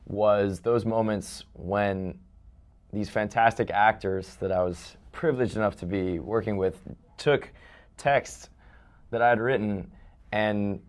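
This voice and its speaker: A man's voice: lowish voice, slow pace. A man who wrote and directed a film, speaking earnestly and reflectively in an interview. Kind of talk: casual interview chat.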